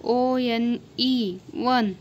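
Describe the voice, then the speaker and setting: A woman's voice: fairly high pitch, fairly even intonation, extremely slow, slight background noise. A woman with a Maharashtrian Indian accent teaching a simple lesson, explaining as if to a young child.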